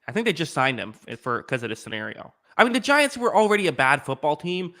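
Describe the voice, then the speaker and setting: A man's voice: a little high, big pitch swings, fast talker, sharp tone. A man hosting a sports podcast, chatting casually about football with many fillers and restarts.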